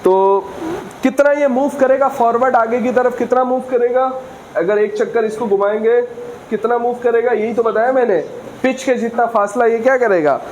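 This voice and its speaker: A man teaching a physics class, reading English lines slowly and explaining with frequent questions to students. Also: very high-pitched, fairly even intonation, a little mellow, a little hiss or hum, poor audio. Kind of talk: classroom lecture.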